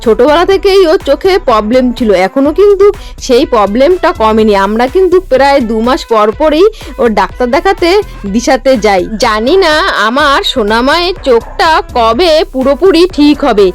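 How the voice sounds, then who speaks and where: Brief: woman, high tender mother's voice-over, music bed behind. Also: expressive, moderate pace. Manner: tender, doting, speaks to the viewers. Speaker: mother and vlogger. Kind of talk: fond voice-over narration. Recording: background music under voice.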